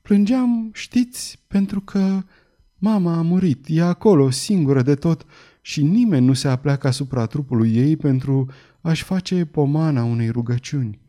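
Guy doing a crying young singer girl, begging, higher and mellow, audiobook. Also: hardly any pauses, close to an everyday voice. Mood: frightened. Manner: tearful, pleading.

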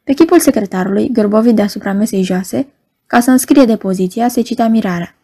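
A woman reading a novel aloud in steady, measured scripted narration. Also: a little high, slightly rough. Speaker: audiobook narrator.

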